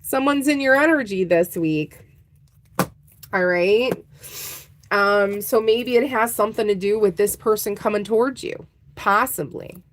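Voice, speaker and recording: A woman's voice: medium pitch, unhurried, slight background noise. A woman giving a casual tarot reading, chatting straight to her viewers and laughing easily. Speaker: tarot reader.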